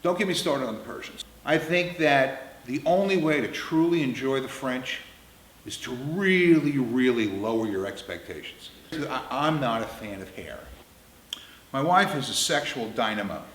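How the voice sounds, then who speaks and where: Telling funny stories in a blunt, crude, emphatic style, this fifty-something man has an expressive, fairly bright mid-range voice at normal speed. The sound is roomy and echoes like an indoor space.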